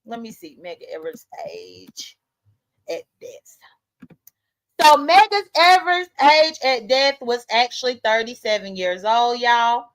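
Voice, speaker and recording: High-voiced blunt woman in her thirties. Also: animated, slow pace, a bit bright, poor audio. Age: 30s. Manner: emphatic, blunt, talks straight to viewers. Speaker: vlogger. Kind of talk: casual commentary monologue.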